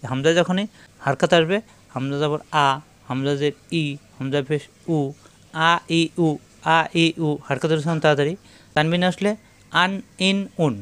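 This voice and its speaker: A man teaching Arabic letters in a step-by-step lesson, repeating syllables slowly in drills. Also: fairly high pitch. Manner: repeats syllables in slow drills and tells viewers to take note. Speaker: Quran reading teacher.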